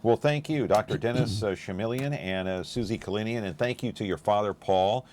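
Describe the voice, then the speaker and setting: A man hosting a local TV talk show, interviewing guests and reading viewer email questions briskly. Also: on the low side, a little mellow, slight background noise. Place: TV studio.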